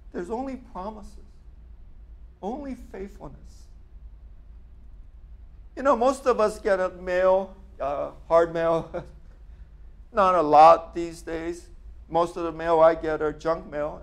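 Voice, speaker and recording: Gravelly man preaching conversationally. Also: high-pitched. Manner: conversational, often drops to a near-murmur at phrase ends. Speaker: pastor. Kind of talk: sermon with personal storytelling.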